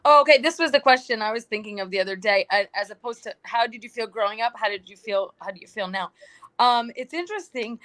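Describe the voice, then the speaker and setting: Young woman from New York, lively storyteller, casual podcast roundtable guest. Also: a little high, fast. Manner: chatty, animated storytelling with quoted asides.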